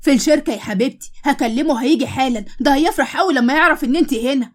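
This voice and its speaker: A woman's voice: high voice, rapid-fire, close to an everyday voice. A woman voicing a doting middle-aged mother who chides fondly, with an Egyptian Arabic accent.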